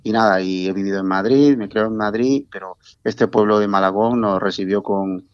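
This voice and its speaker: A man's voice: on the low side, fairly even intonation, normal speed, clear, resonant tone, no echo, dull audio. A middle-aged man from Mexico, a festival organizer, chatting in an interview, joking and effusive with frequent tag questions. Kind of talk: casual interview chat.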